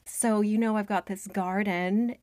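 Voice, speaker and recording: A woman at a middle pitch talks on a podcast from inside a closet. Her voice is dry and close, with no echo. She sounds upbeat and eager as she explains things. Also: fairly even intonation, measured pace, darkish tone. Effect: recorded inside a closet, dry and close. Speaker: podcast co-host. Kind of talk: casual podcast chat. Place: small clothes closet.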